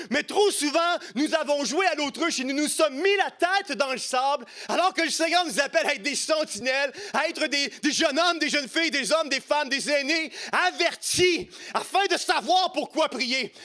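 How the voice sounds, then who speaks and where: Extremely high-pitched and bright, this middle-aged man's pushed voice carries a Quebec French accent. Hailing from Quebec, Canada, he delivers a fervent, rhetorical sermon, hammering home key phrases through repetition.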